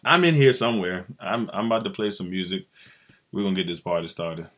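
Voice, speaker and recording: A man's voice: sits low, lively intonation, fairly quick, a bit bright. A man hosting a sports podcast, talking in a laid-back, joking, chatty way with his cohost. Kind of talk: casual sports podcast chat.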